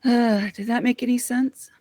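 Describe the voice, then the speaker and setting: A woman's voice: a little high, fairly even intonation, normal speed, a little mellow, no echo. A woman hosting a reflective spiritual talk, speaking in an earnest, heartfelt way and addressing listeners as her friends.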